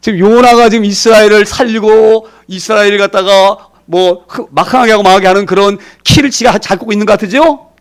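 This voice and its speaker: A man preaching a sermon as pastor, emphatic, asking the congregation rhetorical questions and acting out quoted voices with sharp swings in pitch and loudness. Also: a little fast, clean tone.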